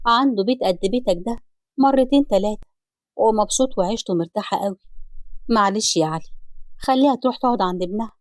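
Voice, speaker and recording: A woman's voice: mid-range voice, no echo, close to an everyday voice. A woman with an Egyptian accent voicing a stubborn, dismissive sister, in a storybook reading. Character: stubborn, selfish adult sister.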